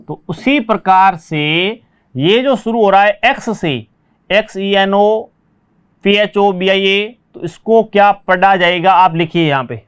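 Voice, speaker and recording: An Indian man with a Rajasthani Hindi accent and a high, smooth voice teaches an online spoken English lesson. He drills each word slowly and repeats it, explains it in Hindi, and urges his students to write their answers quickly.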